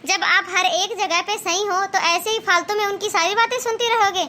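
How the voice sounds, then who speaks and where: A woman's voice: extremely high pitch, steady tone, moderate pace, sharp tone. A woman voicing an outspoken young daughter in a cartoon, speaking frankly and persuasively. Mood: encouraging. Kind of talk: cartoon moral-story dialogue.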